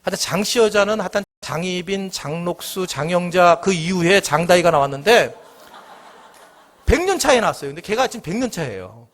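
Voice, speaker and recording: Lively, high-voiced middle-aged male pastor. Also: a little fast. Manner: animated, acts out the congregation's worries in their own voices. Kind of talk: midweek church sermon.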